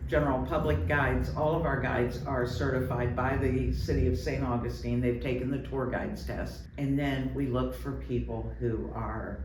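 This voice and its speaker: A man's voice: mid-range voice, fairly even intonation, normal speed, hardly any pauses. Roomy, distant-sounding man explaining and storytelling. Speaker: ghost tour company representative and guide trainer. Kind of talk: conversational interview storytelling. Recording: roomy, distant mic, faint background noise.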